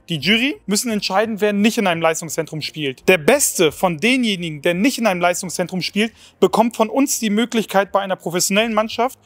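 A man's voice: sits high, fairly bright tone. A man in his thirties hosting and judging a football challenge show, explaining the rules energetically into a handheld mic in a large indoor football hall. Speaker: host and jury member. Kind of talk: presenting a football challenge format.

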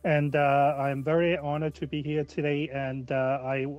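A man chaplain from Hong Kong giving an earnest, halting greeting on a video call. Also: on the high side, flat delivery, no echo, faint music behind. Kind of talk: brief greeting. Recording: dull, dry video call audio.

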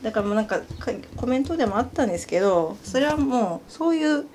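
A woman giving a massage while chatting casually, laughing often and trailing off into soft murmurs. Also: fairly high pitch, lively intonation, fast. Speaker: massage therapist.

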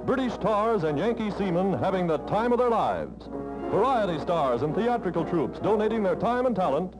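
A man's voice: high-pitched, sing-song, low-quality recording. Man narrating an old newsreel. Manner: brisk emphatic announcing over music. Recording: old 1940s newsreel soundtrack with loud music. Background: loud brass music.

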